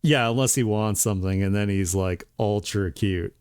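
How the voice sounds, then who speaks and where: A man's voice: lowish voice, moderate pace, darkish tone, clear, resonant tone, no echo, studio quality. A man streaming his digital art and chatting casually, laid-back and rambling, with lots of laughter and filler words. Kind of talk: casual chat while drawing on stream. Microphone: desk mic with webcam.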